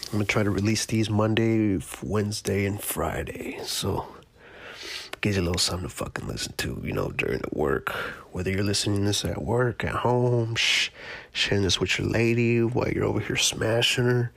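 Laid-back gravelly podcast host, monotone. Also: male voice, fairly low pitch, moderate pace. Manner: laid-back, profane, rambling. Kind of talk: casual solo podcast talk.

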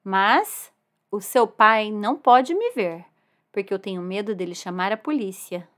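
A woman voicing a kind, timid dragon in a children's story, speaking gently. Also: medium pitch, expressive, unhurried. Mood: gentle.

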